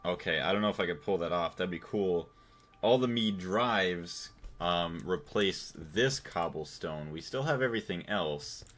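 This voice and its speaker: A man's voice: low voice, lively intonation, measured pace, fairly bright tone. A man from the United States chatting casually on a gaming livestream, thinking aloud and thanking his chat. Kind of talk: casual live-stream chat while playing.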